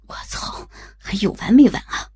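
Woman as shifty old man for audio fiction: gravelly, breathy, swinging pitch, hesitant muttering. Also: animated, moderate pace, background noise. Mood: irritated muttering. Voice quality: husky, breathy, creaky. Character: gruff, sly, lying old man, father-in-law.

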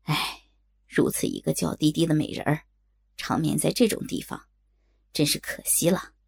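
Lady putting on a low gravelly bandit guy, crude and lustful, husky storybook voice. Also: steady tone, normal speed, no echo, clean studio sound, full character voice. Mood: leering. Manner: coarse, grumbling, lustful. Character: crude lecherous young male bandit.

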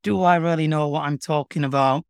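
A middle-aged man with a broad Yorkshire accent, speaking in a measured, earnest way as an interview guest. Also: fairly high pitch, fairly even intonation, gravelly, clear, resonant tone, no room sound. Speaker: interview guest, public sector communications professional. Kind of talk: reflective conversational interview.

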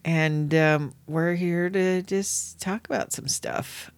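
A woman in her late fifties from Los Angeles, co-hosting a podcast in a relaxed, frank way with many fillers. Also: lowish voice, slow, no echo. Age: 50s. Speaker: podcast co-host. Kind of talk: casual chat.

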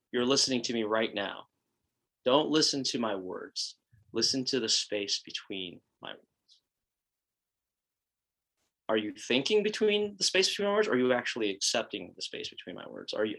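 A middle-aged man co-hosting a casual podcast, musing aloud at an ordinary pitch. He talks reflectively, circling back and repeating words as he gathers his thoughts. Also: creaky, pushed and bright, rough recording. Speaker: podcast co-host.

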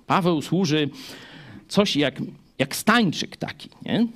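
A man's voice: on the high side, expressive, slow pace, a bit bright. A man preaching a chatty Bible study sermon, full of rhetorical asides and questions to the listeners.

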